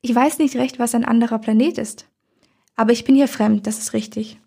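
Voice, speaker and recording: A woman's voice: fairly high pitch, fairly even intonation, fairly quick, vocal fry, slightly rough. Woman reading a polite, puzzled giant. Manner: courteous, softly wondering. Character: gentle, polite, puzzled male giant from elsewhere.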